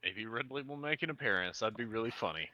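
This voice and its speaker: A man running a tabletop game as game master, narrating in a relaxed way with frequent hesitations. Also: fairly low pitch, fast talker, no room sound, dull audio.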